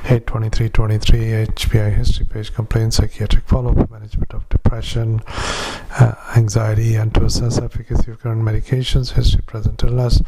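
A male doctor dictating notes into a dictaphone at a retirement community, halting with frequent fillers and reading punctuation aloud. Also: lowish voice, completely flat delivery, very noisy. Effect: dictaphone recording. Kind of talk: medical dictation.

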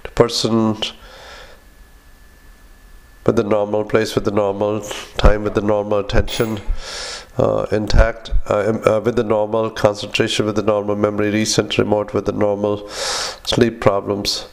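Male clinician, lowish voice, very flat intonation. Medical dictation read off in clipped, halting fragments with spoken commands. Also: creaky. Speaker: clinician dictating patient notes.

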